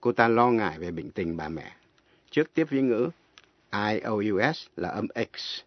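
A man's voice: on the low side, expressive. A man teaching English on the radio, switching between languages and spelling words out letter by letter, with a lo-fi, dull radio sound. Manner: slow, careful, spells letter by letter.

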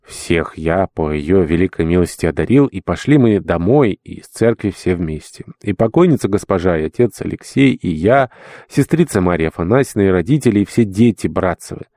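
A man's voice: low voice, lively intonation, normal speed, mellow, no echo. A man reading an audiobook, voicing a humble, sentimental elderly male dwarf servant who talks in a fussy, obsequious, old-fashioned polite way. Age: older. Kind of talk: audiobook character voice.

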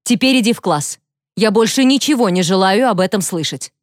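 A woman's voice: mid-range voice, animated, a little fast, no echo, studio quality, lightly acted. A woman voicing a stern adult schoolteacher who talks firmly in clipped phrases. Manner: firm, clipped.

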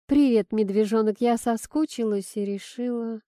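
A woman's voice: a little high, normal speed, warm tone, no echo, clean studio sound, close to an everyday voice. A woman reading the lines of a flustered young woman who turns up with wine, in her own lightly raised voice. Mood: sweet. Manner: surprised, then irritated.

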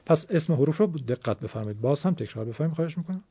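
A man's voice: fairly high pitch, animated, dark tone, slightly rough, dry recording. Patient man teaching recitation, dry dull sound. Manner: formal, patient, explaining step by step. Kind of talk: classroom-style explanation.

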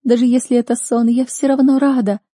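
A woman's voice: fairly high pitch, level tone, a little fast, mellow, no echo, clean studio sound, voice pushed up, natural voice. A woman voicing a frightened young girl held captive, crying and pleading in a trembling voice. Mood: tearful relief. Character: terrified sobbing young girl prisoner.

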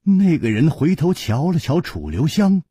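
A male storyteller narrating a martial-arts tale in the traditional style, his pitch swinging widely with drama. He speaks slowly, with a husky voice. The sound is dry and close. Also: dry recording. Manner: dramatic, highly expressive delivery.

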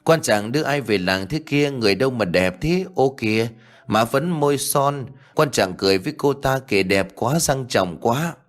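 A man voicing a gossiping village woman who exclaims in excited wonder. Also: medium pitch, moderate pace, soft background music, voice pushed up, natural voice. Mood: awed.

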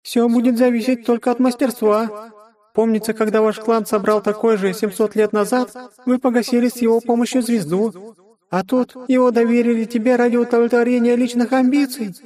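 A man voicing an ancient demon in a little girl's body, haughty and mocking, in a booming, scornful way. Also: little pitch movement, brisk, mellow. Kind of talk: audiobook character voice.

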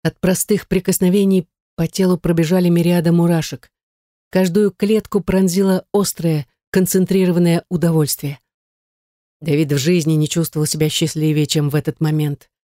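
An audiobook narrator reading a novel aloud in a steady, dramatic way. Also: mid-range voice, normal speed, dry recording, clean studio sound. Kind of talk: scripted narration.

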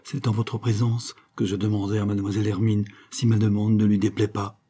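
A man voicing a respectful, ardent young suitor in an audiobook of a novel, with a warm and restrained, pleading delivery. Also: fairly low pitch, little pitch movement, fairly quick, husky.

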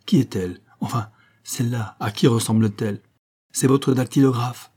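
A man voicing an excitable foreign businessman who speaks in exclamations with an odd accent. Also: mid-range voice, normal speed, slightly rough, natural voice. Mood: astonished.

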